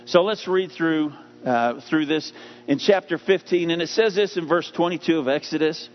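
A man preaching with a somewhat high voice, swinging from raised, acted-out lines to low, quiet asides. His words ring out with a long reverb, as if from a large church sanctuary. The sound is a little dull, with a faint hiss underneath. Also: normal speed. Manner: animated preaching, acts out voices of people and God. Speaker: pastor. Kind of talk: sermon.

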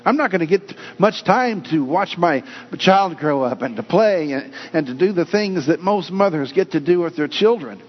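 A man's voice: a little high, animated, moderate pace, few pauses. A man preaching a sermon, reading scripture and acting out people's doubts as he goes. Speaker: pastor. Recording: echoey hall, dull lo-fi sound with mains hum.

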